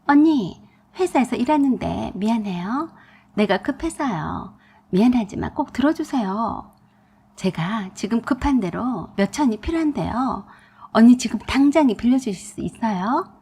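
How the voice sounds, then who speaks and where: A woman's voice: a little high, expressive, moderate pace, mellow, breathy edge. A woman voicing a pushy young sister-in-law who whines and insists while asking for money, in a storybook narration. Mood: pleading. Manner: whiny, insistent pleading.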